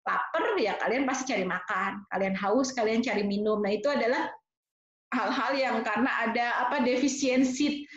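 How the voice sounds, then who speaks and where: Expressive high-voiced woman lecturing casually. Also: moderate pace. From Jakarta, Indonesia. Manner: expressive, fairly loud, chatty with fillers. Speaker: nursing lecturer. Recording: roomy, slightly dull lo-fi sound.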